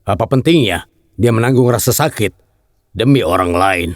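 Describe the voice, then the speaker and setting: A man's voice: on the low side, lively intonation, normal speed, no room sound, studio quality, lightly acted. An actor dubbing a grumbling henchman who insists on keeping watch in a TV drama. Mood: stern. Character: grumbling male henchman, dutiful. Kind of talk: dubbed TV drama.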